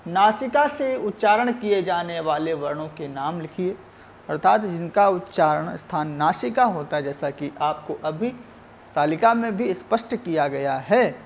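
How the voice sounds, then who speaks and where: A male Sanskrit teacher giving a recorded lesson, measured and explanatory, sounding out each letter. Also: a little high, animated, a little hiss or hum.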